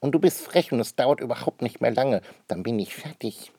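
A man's voice: mid-range voice, animated, brisk, dark tone, slightly rough, dry recording, voice pushed up. A man voicing a bossy schoolgirl who scolds her little brother in a storybook reading. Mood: scolding. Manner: scolding, indignant.

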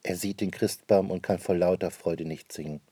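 A man narrating a children's Christmas story in a measured storytelling manner. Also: low voice, steady tone, mellow, slightly rough, no echo.

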